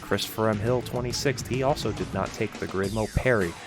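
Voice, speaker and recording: A man commentating a live-streamed sim race, excitable and stumbling over his words, still coughing from a cold. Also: fairly low pitch, a little fast, over music. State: coughing a lot.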